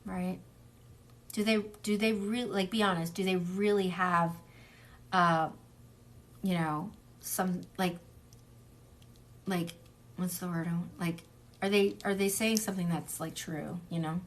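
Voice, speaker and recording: A woman doing a relaxed tarot reading for an online audience. She talks loosely and rambles, stacking fillers and asides. Now and then she slips into quick mimicked voices for the people she is describing. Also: fairly low pitch. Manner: chatty, rambling, frequent fillers and laughs. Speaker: tarot reader. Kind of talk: casual tarot reading livestream.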